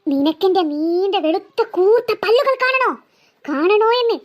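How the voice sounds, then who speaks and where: A performer voicing a bloodthirsty ghost that has taken a girl's shape, speaking in slow, low, gloating threats. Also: lively intonation, muffled recording. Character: menacing ghost girl, bloodthirsty and sneering. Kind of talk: cartoon voice acting.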